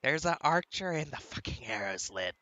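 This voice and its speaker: A man's voice: a little high, big pitch swings, moderate pace, sharp tone, no echo. A man playing a tabletop game who talks casually and swears freely. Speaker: player.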